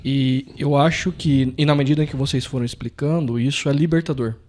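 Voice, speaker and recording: A man's voice: medium pitch, fairly even intonation, a little fast, a little mellow. A man from Brazil, a pastor who is also a father and husband, talking earnestly and repeating phrases for emphasis. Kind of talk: casual chat.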